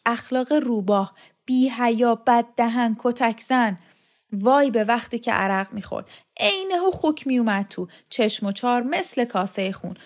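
A woman reading a story aloud, voicing a bitter, foul-mouthed maidservant who scolds coarsely. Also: on the high side.

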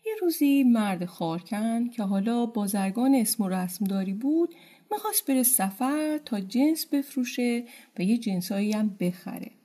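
A woman tells a folk tale aloud in a gentle, colloquial way. Her voice is mellow and dark in tone yet sits a bit high. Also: lively intonation. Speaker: storyteller.

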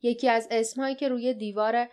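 A woman narrating an audiobook in a steady, dramatic storytelling style. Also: on the high side, clear, resonant tone. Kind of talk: scripted narration.

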